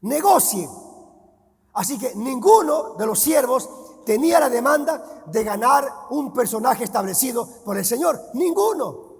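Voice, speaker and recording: A male pastor preaching a sermon emphatically, shouting key words and quizzing the congregation. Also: very high voice, very animated, a little slow, breathy edge, long reverb tail. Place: church.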